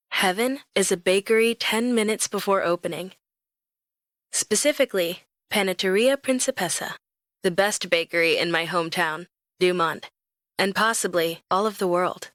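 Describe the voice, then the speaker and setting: A young adult woman narrating a first-person romance audiobook in a lively, expressive storytelling manner. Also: lowish voice, dry recording.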